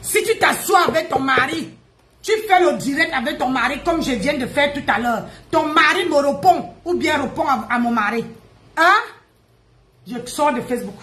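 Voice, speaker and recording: A woman, ranting and mocking on a live stream, loud, laughing and teasing. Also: high voice, normal speed. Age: 50s. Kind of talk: Facebook live rant. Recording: echoey room.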